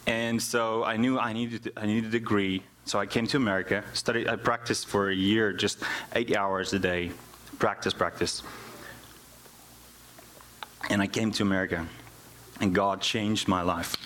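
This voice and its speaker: In church, a South African man who speaks Afrikaans natively offers an informal testimony about his life as a worship musician and music teacher. His voice is on the low side and fairly bright, delivered flatly at normal speed. Slight background noise is present, and he often repeats words while looking for phrasing.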